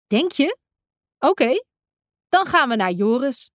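A woman reading as a fussy male storybook friend who grumbles at his companion. His lines jump up high in pitch, and the voice sounds dry and close. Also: slow pace, dry recording, full character voice. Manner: grumbling, a bit high and excited.

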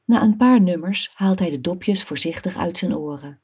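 A woman reading a children's story aloud as narrator, soft and even. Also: on the low side, normal speed, slightly rough.

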